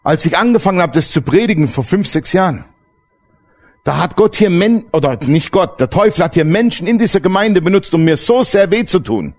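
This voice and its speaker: A man preaching a sermon, blunt and earthy, swinging between loud emphatic outbursts and hushed low passages. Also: expressive, brisk. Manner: blunt, earthy everyday language. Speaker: pastor.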